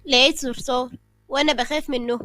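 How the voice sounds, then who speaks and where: A woman's voice: sits high, steady tone, fast talker, sharp tone, dry recording, faint music behind. A woman voicing a nervous, evasive young wife with an Egyptian Arabic accent. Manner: nervous, hesitant.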